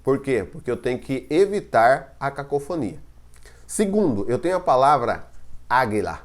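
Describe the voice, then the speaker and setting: A man's voice: medium pitch, very animated, normal speed. A man with a Brazilian Portuguese accent teaching a recorded grammar lesson, explaining step by step and often checking that the students follow. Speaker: Spanish teacher.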